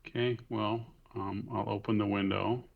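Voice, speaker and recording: Low gravelly dude joking around at the game table, muffled lo-fi mic. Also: male voice, little pitch movement, moderate pace. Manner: joking, casual. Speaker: player. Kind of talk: casual tabletop play. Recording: dull lo-fi mic.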